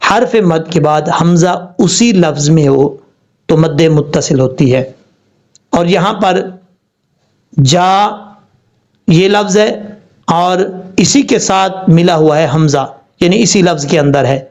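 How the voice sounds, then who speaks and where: A man's voice: fairly high pitch, darkish tone. Man patiently teaching Quran recitation. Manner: patient, step-by-step explanation with slow spelled-out recitation. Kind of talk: tajweed lesson. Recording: dull lo-fi sound.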